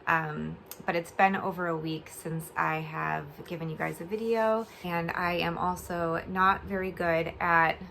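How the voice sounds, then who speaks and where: Still recovering from oral surgery, a young adult homeschool vlogger chats from her bed at home in a giggly, rambling way, her swollen mouth making her words slightly slurred and comical. She talks on the low side with a steady, creaky, fairly bright tone, a little slowly and with few pauses, over slight background noise.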